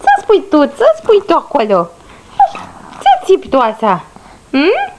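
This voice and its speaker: A woman's voice: sits high, wildly swooping pitch, background noise. Sing-song mother coaxing her baby. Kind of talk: baby talk to her infant daughter.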